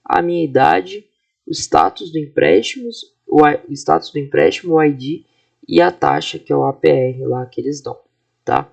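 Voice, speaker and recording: Gravelly young man talking through a screen demo. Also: fairly high pitch, moderate pace, darkish tone, muffled recording. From Brazil. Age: 20s. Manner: casual, explanatory, frequent fillers and tag questions. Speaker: student presenting a class project. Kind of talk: screen-recorded software walkthrough.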